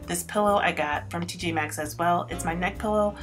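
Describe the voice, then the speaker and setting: Faint music plays behind a lowish, brisk female voice as this Florida lifestyle vlogger leads a voice-over tour. Chatty and upbeat, she talks to her viewers as "you guys."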